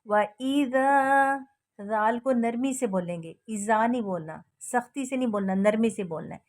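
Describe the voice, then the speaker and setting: A woman teaching a recitation lesson, chanting verses slowly and melodically, then explaining each rule in plain speech. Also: mid-range voice, darkish tone. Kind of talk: slow tajweed lesson with recitation.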